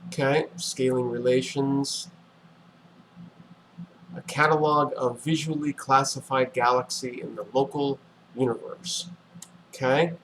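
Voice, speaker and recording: A man hosting a casual livestream, thinking aloud in a relaxed, musing way with many fillers. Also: mid-range voice, unhurried, pauses often, slight background noise, low-quality recording. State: relaxed and yawning. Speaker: livestream host.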